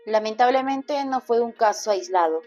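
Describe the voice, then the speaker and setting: A woman narrating a documentary in a measured, solemn scripted voice. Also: fairly high pitch, a little mellow, highs cut off, soft background music.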